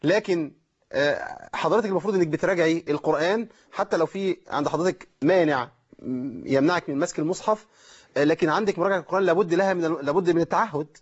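An Egyptian man with a husky, fairly high voice for a man gives a fast-paced tajweed lesson on a call-in show, teaching Quran recitation in Egyptian Arabic. He breaks each rule into small steps and checks in with listeners, while the broadcast audio comes through muffled and lo-fi.

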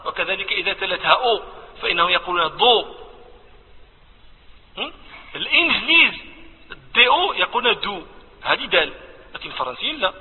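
Moroccan teacher, fast, tinny phone-like sound with a long echo, tests the class with questions. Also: male voice, high voice. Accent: Moroccan Arabic. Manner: explains by quizzing listeners. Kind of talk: classroom discussion.

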